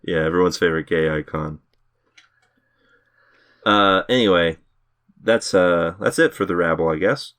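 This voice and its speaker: A man's voice: low-pitched, unhurried, pauses often, a bit bright. A man hosting a casual podcast chat, laid-back and hesitant, with frequent filler words. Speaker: podcast host.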